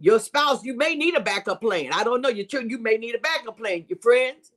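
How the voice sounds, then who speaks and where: A woman's voice: on the high side, expressive, a little fast. A woman hosting a live-streamed devotional teaching, preaching in a repetitive, emphatic, conversational way and greeting viewers by name. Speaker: host and Bible teacher.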